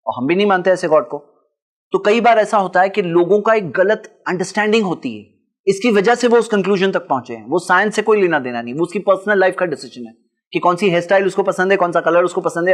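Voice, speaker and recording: High-voiced man giving a religious talk. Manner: explanatory, lists examples. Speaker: speaker answering audience questions.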